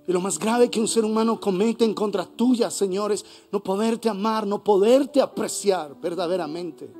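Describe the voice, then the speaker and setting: A man with a Colombian accent preaching a sermon as pastor, swinging between hushed and loud passages. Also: high-pitched. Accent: Colombian Spanish. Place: church hall.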